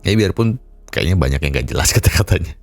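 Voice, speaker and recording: Very deep, stuffy-nosed man narrating. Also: expressive, fast talker, gravelly, no echo, faint music behind. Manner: folksy, gently advising, self-deprecating. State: nasal and congested from a cold. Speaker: film recap narrator and channel host. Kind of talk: scripted film recap narration and casual outro.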